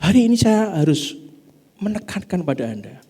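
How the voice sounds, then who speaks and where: A man with a Javanese accent preaching a sermon in church, acting out family dialogue in high voices. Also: big pitch swings, normal speed, mellow, husky. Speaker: pastor.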